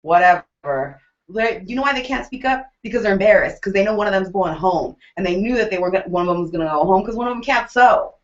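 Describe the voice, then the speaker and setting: A woman co-hosting a casual TV recap chat, animated, jokey and opinionated. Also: medium pitch, fast talker. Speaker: co-host. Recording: roomy, dull lo-fi recording.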